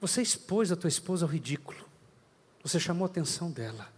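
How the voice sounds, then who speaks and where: A man voicing an accusing inner voice of guilt, speaking quietly and with reproach. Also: on the high side, animated, fast, slightly rough, long reverb tail. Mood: reproachful.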